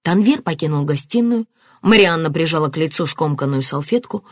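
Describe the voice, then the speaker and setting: A woman narrating a novel as an audiobook in an even, clear reading. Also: low-pitched, fairly quick, dry recording, clean studio sound. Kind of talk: scripted narration.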